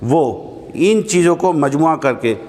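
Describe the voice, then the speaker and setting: In a mosque hall, a man with a fairly high, dark-toned, animated voice teaches an Arabic grammar class. He lectures conversationally, posing rhetorical questions and checking in with listeners, and the hall adds long reverb.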